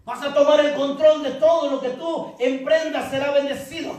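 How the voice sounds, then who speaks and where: A man preaching a sermon as pastor, rising into shouts and calling for congregation responses. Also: very high-pitched, steady tone, normal speed. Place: church hall. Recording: very echoey hall, mic far off.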